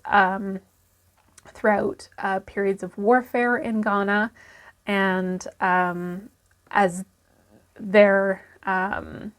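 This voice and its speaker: A book vlogger chats casually about what she's been reading lately, her mid-range voice a bit croaky since she's still sick. She's relaxed, filling gaps with ums and restarting sentences as she works out her thoughts.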